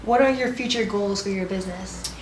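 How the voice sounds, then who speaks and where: Woman interviewer, short plain questions, echoey room with clear background noise. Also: mid-range voice, fairly quick.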